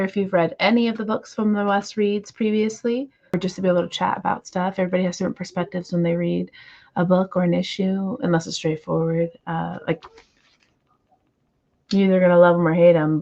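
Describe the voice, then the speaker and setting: A slightly hoarse woman hosting a comic book reading stream, chatting casually with lots of fillers and trying to slow her naturally fast speech. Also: mid-range voice, darkish tone, lo-fi sound. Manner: rambling, filler-heavy, self-deprecating. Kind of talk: casual livestream chat.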